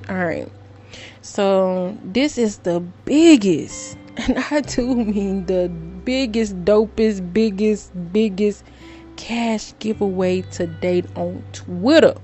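Middle-aged woman vlogging, casual storytelling, gets excitable, repeats stuff for drama, faint music behind. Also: mid-range voice.

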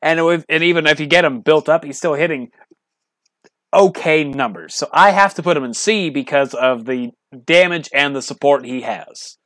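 A man's voice: a little high, normal speed, a bit bright, no echo. A man hosting a casual podcast chat, leading the discussion and explaining his rankings.

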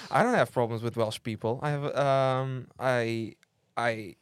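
A man's voice: medium pitch, steady tone, slow pace, smooth, dry recording. A young man co-hosting a casual podcast chat, joking, teasing and swearing freely. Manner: jokey, teasing, swears freely, puts on silly voices. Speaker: podcast co-host.

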